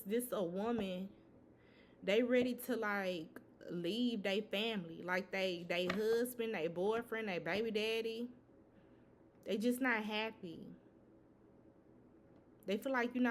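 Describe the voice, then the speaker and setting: A woman's voice: medium pitch, slight background noise. A woman giving a casual tarot reading, talking loosely with lots of "you know" and some swearing. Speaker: tarot reader.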